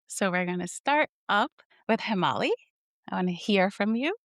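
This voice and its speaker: A woman's voice: medium pitch, animated, normal speed, fairly bright tone, no echo, clean studio sound. A woman co-hosting a podcast who opens with a scripted welcome and then interviews her friend, prompting her with encouraging questions.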